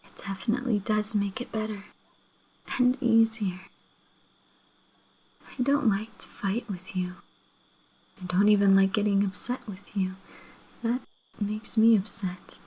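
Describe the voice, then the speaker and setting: A woman playing a loving, apologetic girlfriend in a breathy whispered role-play, gently making up after a fight. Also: medium pitch, steady tone, unhurried, pauses often, low-quality recording. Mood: tender, conciliatory. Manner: gentle, reconciliatory, making up tenderly.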